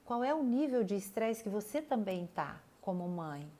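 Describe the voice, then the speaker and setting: An older woman with a Brazilian Portuguese accent, talking casually and earnestly to viewers, repeating words and pausing with fillers. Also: mid-range voice, very animated, mellow. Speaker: body analysis therapist.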